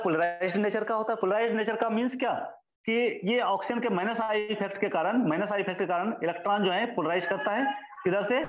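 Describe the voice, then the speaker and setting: A man teaching chemistry in a classroom lecture. He asks questions and answers them himself, and repeats key terms for his students. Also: high-pitched. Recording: echoey, dull lo-fi sound.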